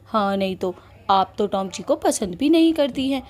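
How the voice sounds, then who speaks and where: A woman's voice: medium pitch, lively intonation, normal speed, a little mellow, natural voice. A hot-tempered young witch bride from a cartoon story, as the narrator puts her on hurls insults and threats. She is defiant and blunt.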